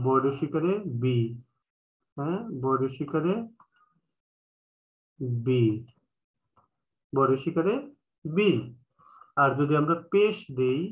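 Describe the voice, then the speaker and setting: A man with a Bangladeshi Bengali accent, teaching an online class in a patient way, repeating each point slowly with many filler sounds. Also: on the high side, rough recording. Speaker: Quran reading teacher. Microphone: online call.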